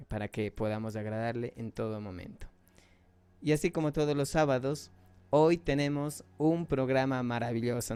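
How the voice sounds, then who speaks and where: Smooth-voiced devout radio host man. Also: medium pitch, warm tone, dry recording. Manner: measured, devout, slows for prayers.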